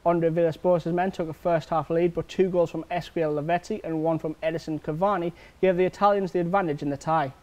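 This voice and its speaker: High-voiced male sports newsreader. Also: steady tone, a little fast, hardly any pauses, darkish tone. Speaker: sports news presenter. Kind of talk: scripted news reading.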